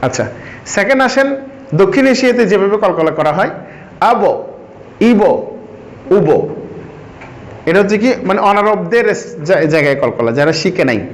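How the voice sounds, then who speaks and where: High-voiced man teaching a class. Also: lively intonation, rough recording. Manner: asks the class questions and repeats answers; sounds out syllables slowly for drilling. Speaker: Quran reading teacher. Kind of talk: classroom lesson.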